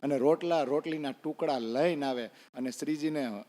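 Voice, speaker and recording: A man's voice: a little high, moderate pace, dark tone. A man tells a devotional story in a sermon. He acts out the characters' lines and asks the listeners questions. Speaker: preacher. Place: temple hall. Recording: long reverb in a temple hall.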